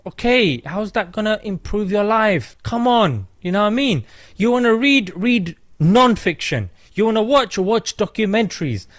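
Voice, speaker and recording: A man's voice: sits high, expressive, moderate pace, no room sound, clean studio sound. A man commentator speaking casually and admonishingly to his viewers. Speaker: video commentator.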